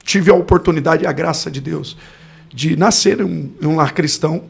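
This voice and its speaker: A fortysomething Brazilian pastor, interviewed on a podcast, reflects on the course of his life and often pauses to find his words. The voice sits on the high side, creaky and slightly breathy, moving at a moderate pace with a Brazilian Portuguese accent.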